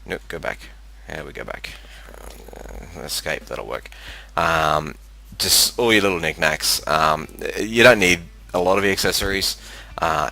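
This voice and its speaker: An Australian man with a deep, bright voice gives casual screen-capture commentary as a video game presenter. He records on a cheap headset mic in a room where a fan is running.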